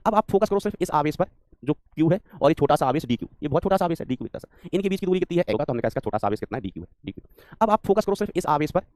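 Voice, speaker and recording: A male physics teacher races through an online lecture at a breakneck clip, his voice sitting a little high for a man. He scolds and teases his students and repeats his phrases for emphasis. The sound is dry and close, with no room around it. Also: animated, racing, darkish tone, dry recording.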